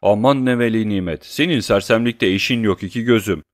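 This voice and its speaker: A man's voice: fairly low pitch, a little fast, dry recording, clean studio sound, close to an everyday voice. Tarantiyev, a man voicing a bullying swindler. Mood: ranting. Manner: loud, abusive ranting. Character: coarse bullying middle-aged male swindler.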